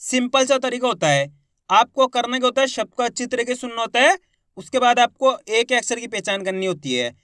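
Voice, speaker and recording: High-voiced man teaching Hindi reading. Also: expressive, a bit bright, clean tone, dry recording, clean studio sound. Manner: slow syllable-by-syllable sounding out, repeats each word; encouraging, asks the learner questions. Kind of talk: spoken reading lesson for beginners.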